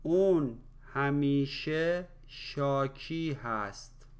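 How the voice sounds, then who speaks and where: A man teaching language, saying each phrase slowly in pieces and then again at full speed. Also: medium pitch, clean tone. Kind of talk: slow phrase-by-phrase language drill.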